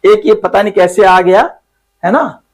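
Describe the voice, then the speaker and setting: A male English teacher, slowly going through the alphabet and repeating each letter sound several times. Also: sits high. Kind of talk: spoken English lesson.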